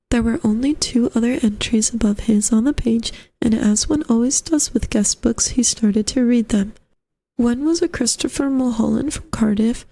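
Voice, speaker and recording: Woman reading a story out loud, kinda high soft mellow voice, storyteller style. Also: vocal fry, husky, rough recording. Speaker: storyteller, streamer. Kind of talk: scripted story narration.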